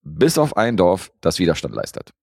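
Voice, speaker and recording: A man co-hosting a podcast, reviewing a film in a relaxed, rambling way with lots of fillers. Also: sits low, moderate pace, creaky, slightly rough, no echo, clean studio sound. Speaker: podcast co-host reviewing films. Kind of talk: casual chat.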